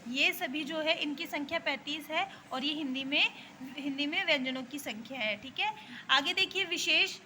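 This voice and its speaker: A woman's high-pitched, bright and forceful voice comes through at normal speed over slight background noise. She's a school teacher with an Indian accent leading young children through grammar, patiently repeating each point and checking on them often.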